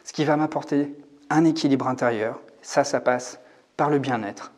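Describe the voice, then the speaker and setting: A man's voice: mid-range voice, moderate pace, a little mellow. Forties male coach, musing and hesitant delivery straight to camera. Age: 40s. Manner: reflective, thinking aloud with frequent hesitations. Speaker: YouTube coach on hypersensitivity. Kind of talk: casual talk to camera. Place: rented room.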